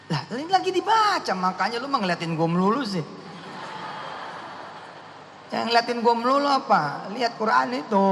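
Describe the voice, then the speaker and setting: A male preacher jokes and teases his listeners in slang. His voice sits high and sounds bright. The recording carries the long reverb of a hall and a faint hiss. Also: gravelly. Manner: playful, teasing, mixes slang and Quran recitation. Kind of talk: joking sermon.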